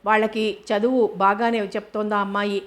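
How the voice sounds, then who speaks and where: Woman reader as a calm older father, gentle and even. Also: mid-range voice, normal speed, natural voice. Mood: mild.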